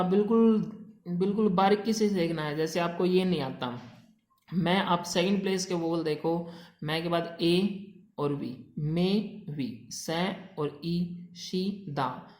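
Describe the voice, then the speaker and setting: A woman teaching a shorthand class. She reads English rules slowly and explains them in mixed Hindi and English. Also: on the low side, darkish tone. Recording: echoey room.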